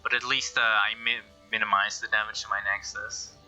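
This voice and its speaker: A man's voice: on the low side, level tone, a little fast, pushed and bright, dull audio, faint music behind. A man giving casual game commentary, thinking aloud in a hesitant way. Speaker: gameplay commentator.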